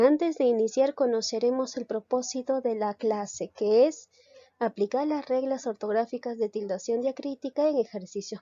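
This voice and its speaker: In a dull, lo-fi, dry recording without echo, a woman's mellow, slightly high voice delivers a recorded online lesson. She goes through the material step by step, poses questions and answers them herself, and uses a short tag question to check that students follow.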